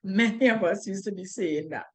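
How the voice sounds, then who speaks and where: A woman's voice: medium pitch, normal speed. A middle-aged woman co-hosting a talk show, speaking earnestly, repeating words and acting out quoted worries. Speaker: co-host. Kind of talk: casual talk-show chat.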